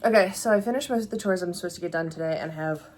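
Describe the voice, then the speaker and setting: A woman's voice: mid-range voice, very fast, a little mellow, faint music behind. A young adult woman talking casually to camera in a vlog, chatty and reflective, with many fillers. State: hiccups. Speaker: vlogger.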